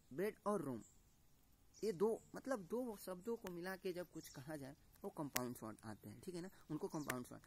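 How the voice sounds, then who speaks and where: A man teaches at an unhurried, deliberate pace, drifting between Hindi and English words as he explains each term. He keeps checking in with his listeners in a friendly classroom way. A faint hum of noise sits under the voice. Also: a little high. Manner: repeats "ठीक है दोस्तों", mixes Hindi and English words. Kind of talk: classroom-style lesson.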